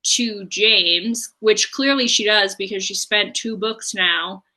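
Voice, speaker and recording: A woman co-host recaps a book for her podcast, chatty and loose, filling pauses with "um" and "like." Her voice is bright and forward, at a medium pitch. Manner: chatty recap with fillers and laughs. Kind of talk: casual book discussion.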